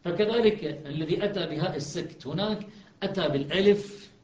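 A man's voice: high voice, brisk, darkish tone. A man teaching a class, explaining step by step and often checking whether his students follow. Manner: explanatory, asks students if it is clear. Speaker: teacher of Quran recitation and grammar. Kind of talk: classroom lecture. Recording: echoey, muffled classroom recording.

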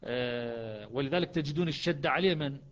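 A man teaching a lesson on Quranic readings, explaining step by step and slowing into chanted recitation. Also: mid-range voice, muffled recording.

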